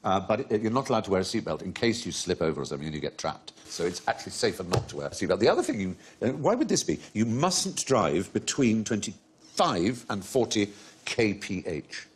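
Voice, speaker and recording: A man's voice: fairly low pitch, sing-song, brisk, husky. A man hosting a comedy panel quiz, explaining facts in a wry way and laughing often, in a TV studio. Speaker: quiz show host. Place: TV studio with audience.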